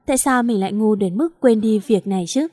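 A woman's voice: mid-range voice, a little fast, mellow, no room sound, studio quality, natural voice. A woman voicing a heartbroken young husband who speaks bitterly and accusingly, choked with regret. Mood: remorseful.

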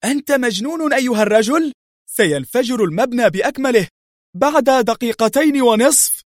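A man voicing a panicked male enemy impostor agent who shouts frantically. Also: high-pitched, fairly quick, no echo, studio quality, natural voice.

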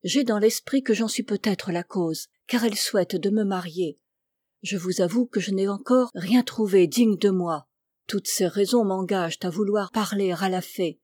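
A proud young princess from an old fairy tale, vain yet easily frightened, as a woman reads her lines. She sounds emphatic and pleading in a mellow, warm voice, recorded close and dry. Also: medium pitch, moderate pace, dry recording, natural voice. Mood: indignant.

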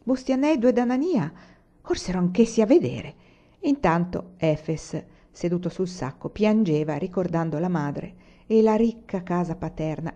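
A woman reading a classic novel aloud in a measured, even storytelling manner. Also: lowish voice, dull audio. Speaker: audiobook reader. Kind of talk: literary audiobook narration.

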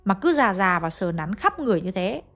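A woman's voice: medium pitch, sing-song, fairly quick, fairly bright tone. A woman telling a ghost story, speaking directly to her listeners in a chatty way.

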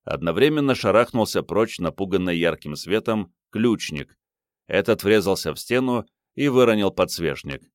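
A man narrating an audiobook in a steady, measured reading. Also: deep voice, clear, resonant tone, no room sound, clean studio sound. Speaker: audiobook reader.

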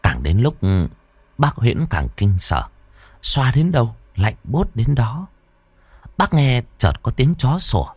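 Lively man telling a ghost story. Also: mid-range voice, slow pace, breathy edge, no room sound. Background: faint music.

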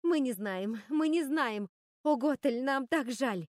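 A woman's voice: sits high, expressive, slow pace, a little mellow, dry recording, studio quality. A woman voicing a nervous witch sister who pleads and apologizes. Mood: pleading. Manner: anxious, pleading.

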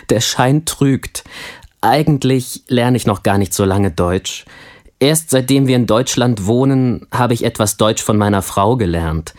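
A man playing a calm young family man. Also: medium pitch, slow pace. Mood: friendly, relaxed. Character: friendly young family man, course student. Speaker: language course student. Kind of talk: scripted textbook dialogue.

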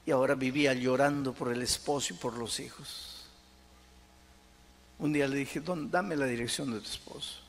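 A male pastor with a Latin American Spanish accent preaching a sermon, moving between loud, high appeals and soft, slow storytelling. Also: slight background noise.

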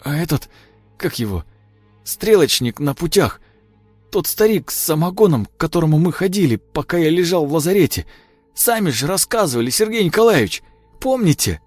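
A man voicing a frightened young male police trainee, talking in anxious, rushed questions. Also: a little high, sing-song, a little mellow, no echo, faint music behind, voice pushed up. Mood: uneasy. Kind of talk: audiobook character voice.

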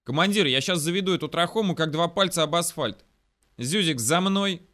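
A hot-headed army captain, put on by a male audiobook reader, barking and ranting at a rushed clip. His voice is raised high above the reader's own, loud and bright. It sounds like an audiobook. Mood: boastful. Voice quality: yelling, rapid-fire.

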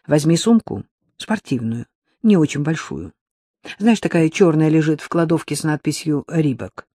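A man's voice: fairly high pitch, moderate pace, mellow, no echo, studio quality, lightly acted. A man reading the part of a tired, determined young woman on the run who gives terse, urgent instructions.

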